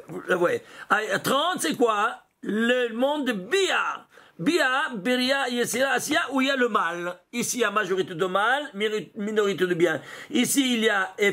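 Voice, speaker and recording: A man, a rabbi, giving a Kabbalah lesson, pointing out diagrams and asking rhetorical questions that he answers himself. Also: a bit bright. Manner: keeps saying "alors" and "vous voyez" to the class; pitch and pace jump around a lot, now slow and stressed, now rushed. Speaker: rabbi teaching Torah. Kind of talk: Kabbalah lesson explaining diagrams and letter numbers.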